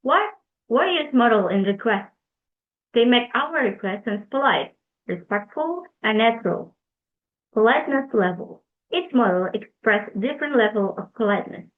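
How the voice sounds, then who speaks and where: A young woman, reading a class presentation aloud in a careful, deliberate way and correcting herself as she goes. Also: a little high. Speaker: student presenter. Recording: tinny phone-like recording.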